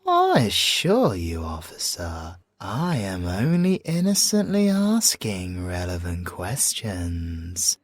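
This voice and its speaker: Deep and exaggerated, with wildly swooping pitch, a British man acts out an ASMR roleplay as a suave, flirtatious, possessive ex-special-forces bomb expert. His delivery is teasing, drawn-out and theatrical, punctuated by whispered asides.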